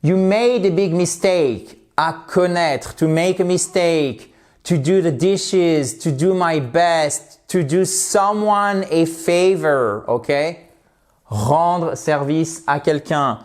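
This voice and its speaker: A man's voice: fairly high pitch, extremely slow. A man giving an online English lesson, explaining in French and playfully drilling English words by repeating them. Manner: switches between French explanation and English examples. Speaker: English teacher.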